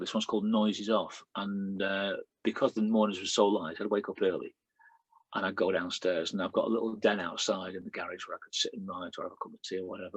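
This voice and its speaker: Speaking in Lancashire English, a middle-aged poet from Lancashire, England, introduces and reads his own poems, chatting and using fillers between pieces. The voice sits at a fairly low pitch with a slight roughness, and the rough recording carries no room sound.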